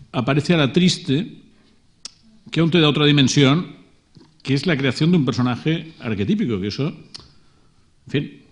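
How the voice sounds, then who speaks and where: Spanish male interviewer, long questions. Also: medium pitch. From Spain. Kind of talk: public onstage conversation.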